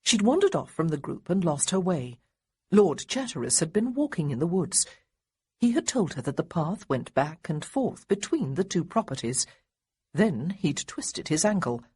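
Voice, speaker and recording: Audiobook narrator, woman, breathy and low, animated delivery. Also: normal speed. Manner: expressive storytelling. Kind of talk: scripted narration.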